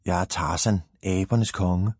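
A man's voice: low voice, steady tone, a little mellow, slightly rough, no echo, studio quality. A man voicing a small, dreamy, skinny boy with glasses who talks shyly and hesitantly. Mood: eager.

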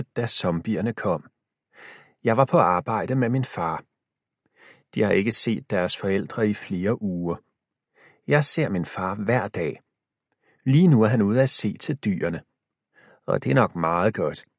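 A man reads a children's adventure aloud, lively in pitch and quickening or slowing with the suspense. His voice is low and husky, recorded close and dry. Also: no echo. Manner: expressive, shifting pace with the tension. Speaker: audiobook narrator. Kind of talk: scripted storybook narration.

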